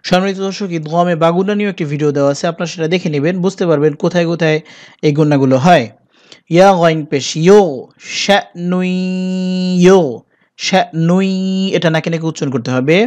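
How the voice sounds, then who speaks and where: Male Quran teacher, high-pitched, methodical spelling drills with slow chanted recitation. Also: a little mellow. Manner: slow, drawn-out chanting when reciting whole words; patient, methodical instructions in between. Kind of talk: spelling out Arabic letters and vowels for learners.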